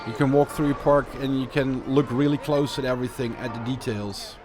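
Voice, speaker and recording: A Dutch streamer from the Netherlands speaks with a Dutch accent, his medium-pitched voice steady and fairly quick. He chats casually while commentating on live gameplay, answering viewer questions as he builds.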